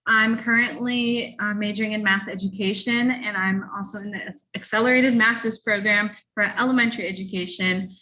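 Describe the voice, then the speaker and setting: A woman's voice: medium pitch, fairly even intonation, fairly quick, hardly any pauses, pushed and bright, poor audio. A young woman from Massachusetts speaking on a casual video call panel, friendly and chatty. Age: young adult. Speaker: student panelist. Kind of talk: casual livestream Q&A.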